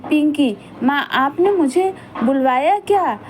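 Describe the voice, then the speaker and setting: A woman voicing a sad little village girl who pleads and complains softly. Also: high voice, expressive, slow pace, a little hiss or hum. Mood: pleading. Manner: pleading, plaintive.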